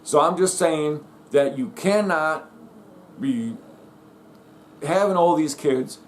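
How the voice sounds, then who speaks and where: A man's voice: a little high, takes it slowly, slight background noise. A middle-aged man from the United States delivering a blunt, emphatic rant, repeatedly asking "okay?" and "guess what?". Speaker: vlogger. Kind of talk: ranting monologue.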